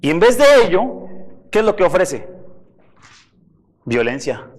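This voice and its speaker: A man preaches a sermon in a slightly high voice, pressing his listeners with rhetorical questions. His voice rings out with a long reverb, as in a church hall. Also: sing-song, unhurried. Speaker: pastor.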